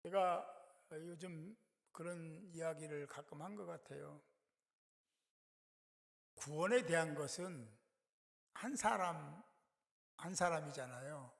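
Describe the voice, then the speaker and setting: A man preaching a sermon in a fairly high, gravelly voice. He talks in emphatic bursts that rise sharply in volume. The sound rings with the long reverb of a church hall. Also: slow pace, pauses often. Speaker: pastor.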